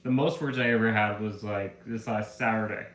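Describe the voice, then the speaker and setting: A live streamer with a low-ish, steady, slightly bright voice talks at a moderate pace from his room at home. Still coughing slightly as he gets over the flu, he rambles casually through a story full of fillers, the echoey room giving off a faint ambient hum.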